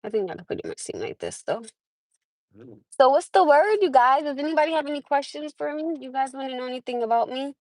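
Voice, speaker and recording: A high-pitched, somewhat mellow American woman talks fast with big pitch swings during a casual live chat from her parked car, using a phone camera. She laughs frequently and calls her viewers "my love." The recording is dry.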